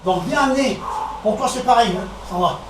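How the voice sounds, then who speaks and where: High-voiced French boxing coach calling punches. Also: male voice, fairly bright tone. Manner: brisk, counting and calling out punches. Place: echoey boxing gym. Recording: echoey gym, distant camera, background noise.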